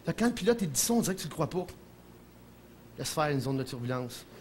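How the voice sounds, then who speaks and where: A man with a Quebec French accent doing an animated stand-up comedy monologue in a television studio, breaking into impressions. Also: on the high side, quick pace, a little hiss or hum. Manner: animated, jumps into shouted impressions, chuckles at own jokes.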